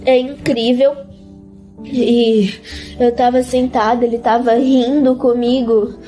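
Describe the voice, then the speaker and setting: In an interview, a woman gives an emotional religious testimony, speaking haltingly and repetitively, often on the edge of tears. Her voice is high yet dark and mellow, with little pitch movement, and faint music plays in the background.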